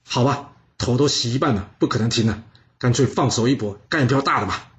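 A man's voice: mid-range voice, brisk, highs cut off, lightly acted. Man voicing exiled princes, wary, pleading, everyday voice, story podcast. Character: two exiled princes speaking as one, wary.

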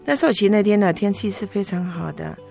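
Gravelly middle-aged woman giving testimony. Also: mid-range voice, expressive, a little mellow, soft background music. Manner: earnest, emotional storytelling with halting restarts. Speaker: guest sharing a faith testimony. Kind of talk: personal testimony in an interview.

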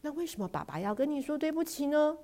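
A woman voicing a gentle, patient mother who coaxes softly and sometimes hushes to a whisper. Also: high voice, animated, fast, voice pushed up. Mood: coaxing. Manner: soft, coaxing, hushed at times.

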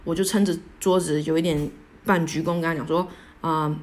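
A young woman tells a personal story alone as a podcast host, halting and self-deprecating, full of restarts. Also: deep voice, steady tone.

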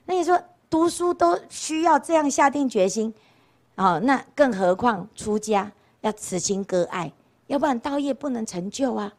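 A woman's voice: medium pitch, a little mellow. A woman, a Buddhist nun giving a casual storytelling dharma talk and often asking her listeners "right?". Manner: chatty, keeps asking rhetorical "right?" questions. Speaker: Buddhist nun lecturing on scripture. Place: temple lecture hall.

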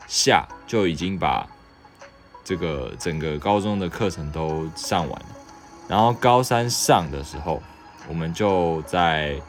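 A young man with a Taiwanese Mandarin accent and a fairly low voice, chatting casually on a livestream. He reads viewer questions aloud and answers them offhandedly, with a joke here and there. Soft music plays faintly in the background.

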